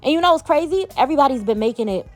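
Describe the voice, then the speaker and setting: A woman's voice: high voice, expressive, racing, dry recording, soft background music. A woman vlogger in a heated, profane commentary rant, talking emphatically.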